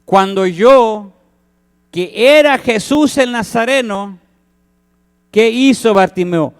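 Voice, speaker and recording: A man's voice: sits high, takes it slowly, clear, resonant tone. A man, preaching a sermon as pastor, who acts out the cries and quoted voices in his story.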